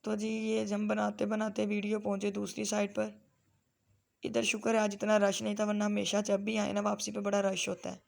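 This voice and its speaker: A mother from Lahore, Pakistan, with a Lahori Punjabi accent, narrates her family vlog in a chatty, homely voice-over at normal speed. Her monotone pitch stays almost perfectly level, her voice has a gravelly, creaky edge, and she drifts into Punjabi phrases as she goes.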